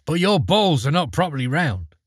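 A man's voice: on the high side, sing-song, normal speed, slightly rough, no echo, clean studio sound. A man voicing a fearless, cheerful young peasant boy in a storybook reading, plain and unbothered. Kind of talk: storybook character voice.

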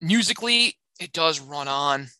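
Bright-voiced young man in casual chat. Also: a little high, animated, a little slow, clear, resonant tone, no echo. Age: young adult. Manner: loose, joking, swears casually. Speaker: podcast co-host.

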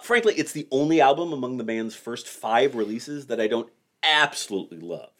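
A man's voice: mid-range voice, expressive, brisk, a bit bright. A man in his forties hosting a podcast, telling a band's history in a wry, joking way. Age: 40s. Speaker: podcast host. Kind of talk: casual podcast chat.

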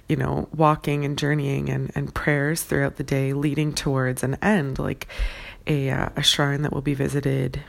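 A woman in her thirties, a mother, gently sharing a faith reflection in a groggy early-morning voice, soft-spoken with many pauses and fillers. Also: sits low, vocal fry.

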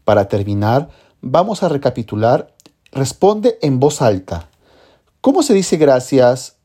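A teacher giving a scripted language lesson, speaking slowly and clearly and drilling words for the listener to repeat. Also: mid-range voice, sing-song, dark tone. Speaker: French teacher.

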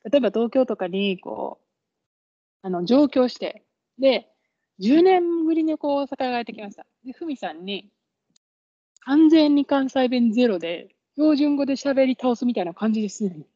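On dull lo-fi podcast audio with no room sound, a Kansai-accented co-host chats casually, laughing a lot and using examples to explain her points. She speaks at a moderate pace in a high, animated, mellow voice.

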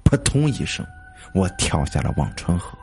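A man narrating a story in a slow, dramatic reading style. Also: sits low, very animated, creaky, a little mellow. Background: faint music.

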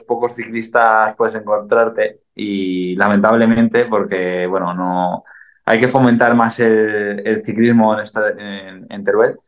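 A man's voice: on the low side, highs cut off. A man from Spain, a mountain bike racer, chatting as a guest in a casual podcast interview, rambling with many restarts. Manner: rambling, full of restarts and laughs.

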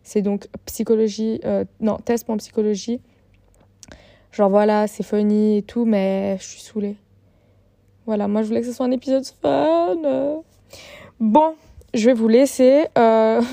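A young woman with a slightly high, gravelly, dark-toned voice speaks unhurriedly as she hosts her own podcast. In a chatty, casual way she pokes fun at herself and sounds exasperated by a quiz website that keeps failing.

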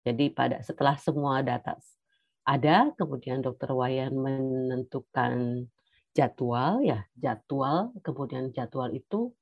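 A middle-aged woman giving a personal testimony as a cancer survivor, hesitant, with many pauses and fillers. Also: a bass voice, no room sound, lo-fi sound. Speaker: cancer survivor sharing her story.

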